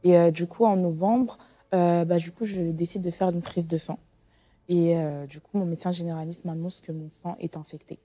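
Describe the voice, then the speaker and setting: A woman's voice: fairly low pitch, fairly even intonation, moderate pace, dark tone, no room sound. A woman in her twenties sharing a personal testimony in an interview, speaking hesitantly with many fillers and restarts. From Portugal. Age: 20s.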